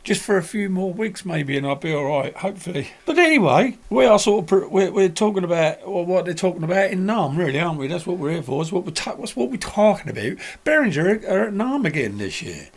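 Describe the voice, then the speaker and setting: A man's voice: high-pitched, fast talker, hardly any pauses. A man co-hosting a casual gear chat, cheeky and jokey, with a congested voice from a cold. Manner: cheeky and jokey, lively interjections. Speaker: co-host.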